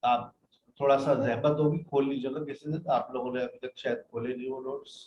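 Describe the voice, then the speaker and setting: A man's voice: mid-range voice, fairly even intonation, brisk, a little hiss or hum. A man teaching an online English class, patiently reading out word lists and calling his students "beta". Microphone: computer mic in a live video class. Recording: roomy, dull online class audio.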